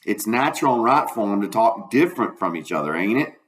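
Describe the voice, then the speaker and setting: A man's voice: lowish voice, sing-song, brisk, voice pushed up. Man reading as Huck, plainspoken country boy, echoey. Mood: patient persuading. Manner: plain, colloquial, explaining. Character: plainspoken country boy Huck, patient, matter-of-fact explainer. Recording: roomy, echoing room.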